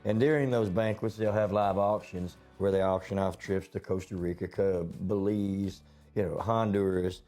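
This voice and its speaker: A man's voice: deep voice, steady tone, normal speed, mellow, soft background music. A man, a store owner telling rambling, folksy anecdotes in a casual interview.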